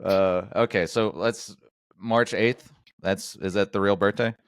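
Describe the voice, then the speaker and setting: A man's voice: lowish voice, fairly even intonation, unhurried, clear, resonant tone, no echo. A man hosting a podcast, chatting casually with lots of jokes, fillers and restarts. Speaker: podcast host. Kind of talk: casual interview chat.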